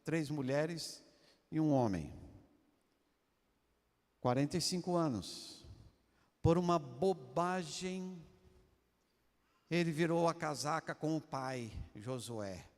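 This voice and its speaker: A man's voice: on the high side, animated, slow pace, long pauses, in a large hall. An older man with a Brazilian Portuguese accent, a pastor telling a personal story in a sermon and addressing the congregation as brothers. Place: church.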